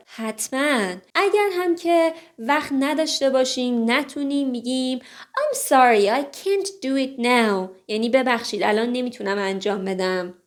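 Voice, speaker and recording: A woman whose first language is Persian, teaching English phrases, saying each one slowly and explaining the rest briskly. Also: high-pitched. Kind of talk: language lesson.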